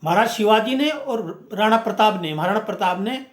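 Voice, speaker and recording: A man with a high voice delivers a fiery, emphatic speech, leaning on rhetorical questions and repeated phrases. The sound rings with the echo of the room. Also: lively intonation, normal speed. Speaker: movement speaker. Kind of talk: impassioned speech. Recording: echoey room.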